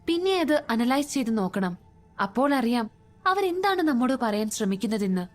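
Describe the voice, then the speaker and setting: A woman voicing a calm, middle-aged male ghost investigator who explains things in a measured way, in a storybook reading. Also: a little high, soft background music. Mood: earnest, explaining.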